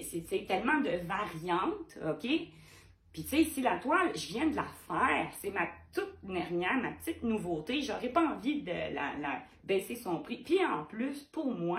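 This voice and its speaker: A woman's voice: mid-range voice, echoey room. A woman painter with a Québécois French accent, talking frankly and animatedly to her viewers, firing rhetorical questions. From Quebec. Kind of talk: direct-to-camera vlog.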